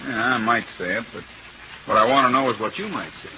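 A man's voice: mid-range voice, fast, close to an everyday voice. Man playing a blunt old-time radio beat cop. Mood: probing, stern. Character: blunt, suspicious small-town police detective, former homicide man. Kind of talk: 1940s radio crime drama acting. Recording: muffled, noisy old radio recording.

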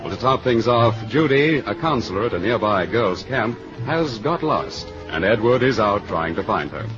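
An old radio announcer presenting a play in formal, theatrical style. His pitch swings in a very animated way. The vintage recording is dull, with loud music. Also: normal speed. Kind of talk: old-time radio announcing, scripted narration.

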